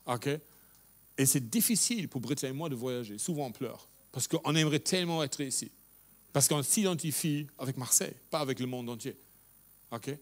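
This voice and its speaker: A man with a German accent preaching a sermon in an earnest, halting way, often restarting words and mixing in English phrases. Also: medium pitch. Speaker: pastor.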